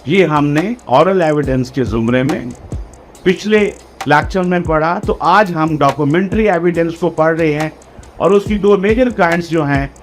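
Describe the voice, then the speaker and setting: A man gives a law lecture aimed at exam students, explaining carefully and spelling out key phrases word by word, mixing in English legal terms. His voice is a little high, and faint music plays in the background.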